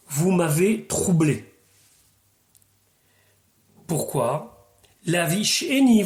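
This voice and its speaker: A man's voice: high voice, darkish tone, reverberant. A man, a rabbi, teaching the weekly Torah portion verse by verse, reading Hebrew phrases and then translating and explaining them.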